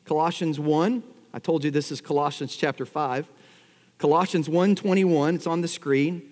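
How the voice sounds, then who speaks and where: A man's voice: on the high side, fairly even intonation, normal speed, a little mellow. A man preaching an expository sermon, teaching verse by verse and firing rhetorical questions at his congregation. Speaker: pastor. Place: church sanctuary. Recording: long hall reverb.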